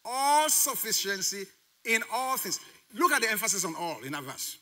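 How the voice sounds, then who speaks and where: High, bright-voiced preaching man. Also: sing-song, normal speed. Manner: emphatic preaching with call-and-response questions to the congregation; repeats key phrases for emphasis. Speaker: pastor. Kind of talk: sermon.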